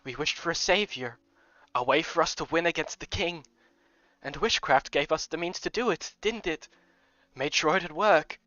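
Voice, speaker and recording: A man voicing an older head housemaiden woman with a slight Scottish accent, soft and pleading, reading a game aloud. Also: fairly high pitch, moderate pace, dry recording. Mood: sorrowful. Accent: slight Scottish put-on. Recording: dull lo-fi recording.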